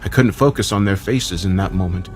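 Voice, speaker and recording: A man narrating a first-person horror story in a measured, dramatic way. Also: low-pitched, soft background music.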